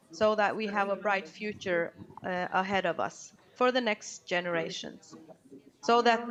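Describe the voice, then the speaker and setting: A woman researcher giving a prepared conference presentation, explaining in a measured way with the odd filler pause. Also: mid-range voice, dull audio.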